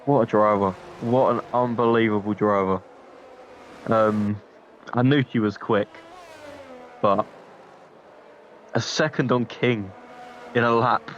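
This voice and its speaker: A man's voice: on the low side, fairly even intonation, takes it slowly, long pauses, highs cut off, slight background noise. A man co-commentating on motorsport, giving casual, opinionated analysis and conversational reactions to the race.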